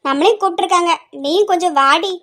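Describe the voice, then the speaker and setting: A woman's voice: very high voice, a bit bright. A woman playing a weary, pleading mother. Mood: worried. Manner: slow, pleading, scolding at times. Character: worried middle-aged mother, pleading and weary. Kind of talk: amateur family drama.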